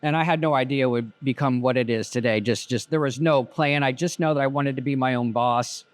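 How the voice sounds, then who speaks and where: A man's voice: mid-range voice, a little fast, no room sound. A man in his fifties, a business owner interviewed as a guest, telling his story in a plainspoken, reflective way. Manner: plainspoken, reflective, many "you know" fillers. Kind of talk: casual interview.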